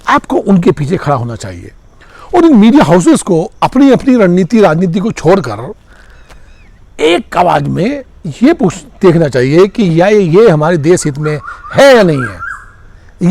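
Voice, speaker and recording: A man's voice: on the high side, darkish tone, no room sound. A man giving impassioned political commentary, firing off rhetorical questions and addressing his listeners as sisters and brothers. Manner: rapid-fire rhetorical questions.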